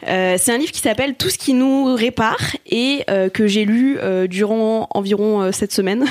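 A woman's voice: fairly high pitch, normal speed, darkish tone, no room sound. Chatty woman, dry close sound. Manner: chatty, self-deprecating, many fillers. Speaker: podcast co-host. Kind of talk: casual chat.

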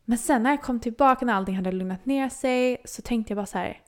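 A woman's voice: fairly high pitch, a little mellow. A young woman co-hosting a casual chat podcast, telling stories with animation and acting out her own reactions. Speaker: podcast co-host.

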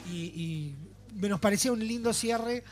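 A man hosting a relaxed radio conversation, friendly and a little halting. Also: high voice, soft background music. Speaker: radio host. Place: radio studio.

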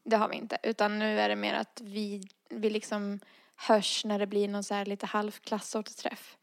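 A woman's voice: medium pitch, completely flat delivery, vocal fry, dry recording, studio quality. A woman casually telling a personal story and acting out the dialogue in it, full of fillers. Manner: acts out quoted dialogue, frequent fillers.

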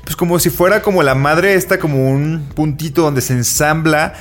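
A Mexican-accented man chats on a podcast, telling a story with loose slang and frequent restarts. His voice sits at an ordinary pitch. He speaks in a relaxed, conversational way. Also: moderate pace. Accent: Mexican Spanish. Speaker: podcast co-host. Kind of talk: casual chat.

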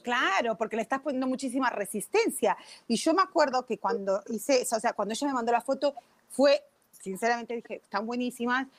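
A woman's voice: on the high side, animated, brisk, dry recording. Chatty woman, dry sound. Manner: chatty, mixes in English words. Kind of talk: casual chat.

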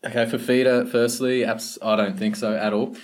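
A man's voice: mid-range voice, little pitch movement, normal speed. A man with a North Queensland Australian accent chatting casually as a co-host on a sports podcast. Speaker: podcast co-host and fantasy rugby league pundit.

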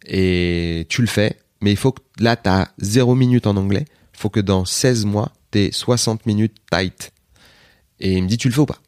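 A man's voice: fairly low pitch, normal speed, clear, resonant tone, no room sound, studio quality. A man guest, a comedian, telling a long story in a chatty, digressive way in a casual interview, quoting other people as he goes. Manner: chatty, digressive, animated retelling with quoted voices.

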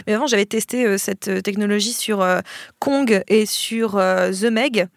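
A woman's voice: medium pitch, normal speed, gravelly, no echo, studio quality. A woman on a panel, chatting casually with many hesitations and restarts, laughing easily. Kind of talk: casual roundtable chat.

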